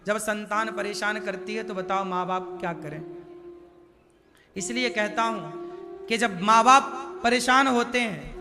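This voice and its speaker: A man's voice: sits high, a little slow, gravelly, long pauses. A man telling a devotional story as a preacher, chanting verses and explaining them in a storytelling sermon. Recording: live hall with reverb and music.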